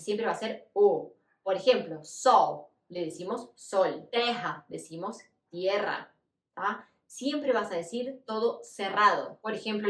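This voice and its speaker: Latin American woman teaching, echoey room. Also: medium pitch. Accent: Latin American Spanish. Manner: clear, patient explaining with repeated examples. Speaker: Spanish teacher. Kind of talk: online language lesson.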